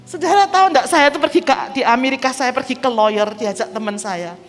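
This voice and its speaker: High-voiced and brisk, a woman evangelist preaches in a large church hall, sharing her personal testimony vividly and acting out its conversations. Background music and the reverb of the hall are audible on the recording.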